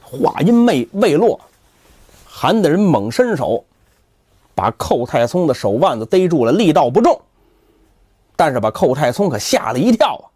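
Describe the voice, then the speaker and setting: A man narrates a traditional tale, often speaking straight to the listener. His fairly high voice rises and falls with lively inflection. The sound is dry and close. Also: moderate pace, long pauses, husky, dry recording. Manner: animated, addresses the listener directly. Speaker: storyteller. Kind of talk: traditional Chinese storytelling.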